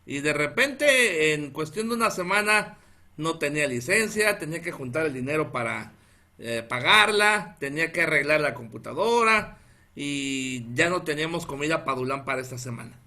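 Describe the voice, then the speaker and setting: A man's voice: on the high side, moderate pace. A man in his thirties with a northern Mexican accent, preaching a sermon as a pastor and telling a personal story with animation. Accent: northern Mexican Spanish. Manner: animated, keeps calling out "hermanos", laughs at his own story.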